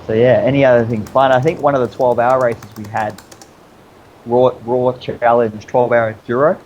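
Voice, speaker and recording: A man's voice: medium pitch, little pitch movement, moderate pace, a little mellow, slight background noise. A man chatting casually as a guest, telling stories in an easygoing, rambling, slangy way. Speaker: interview guest, obstacle racer. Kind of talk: casual storytelling chat.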